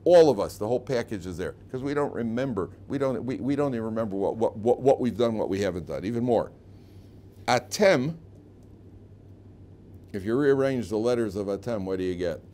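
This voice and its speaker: A man's voice: on the low side, expressive, brisk, dark tone. A man speaking as a rabbi giving an informal Torah lesson, emphatic and questioning, repeating key phrases and often answering his own questions. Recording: clearly noisy room recording.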